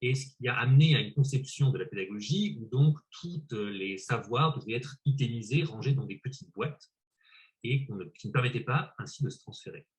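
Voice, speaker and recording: A man with an ordinary mid-pitched voice asks a researcher a question. He builds it up step by step and frames the background thoughtfully before arriving at his point. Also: lively intonation, a little fast. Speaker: interviewer. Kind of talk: conference question.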